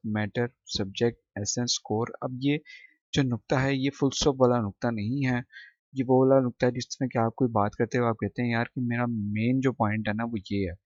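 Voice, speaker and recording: A man teaches a textbook lesson, explaining each word patiently and slowing right down on the English lines. His voice sits at an ordinary middle pitch. It comes from a dry, slightly dull close mic over a screen recording. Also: a little mellow, no room sound. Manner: explains word by word, slow and deliberate when reading English lines.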